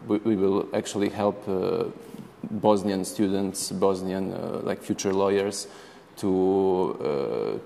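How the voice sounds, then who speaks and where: Deep creaky-voiced male official. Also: dark tone, in a large hall, a little hiss or hum. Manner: halting, many repeats and fillers. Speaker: organization official. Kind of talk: interview answer.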